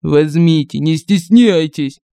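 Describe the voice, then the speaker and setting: A woman puts on a crafty male royal advisor who moans and pleads, overly gushing and theatrical. He sounds clear and smooth, a little low and mellow, and the recording is close and dry. It suits a comic fantasy audiobook. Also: slow, no echo. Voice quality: whiny, theatrical groaning. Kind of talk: audiobook character voicing.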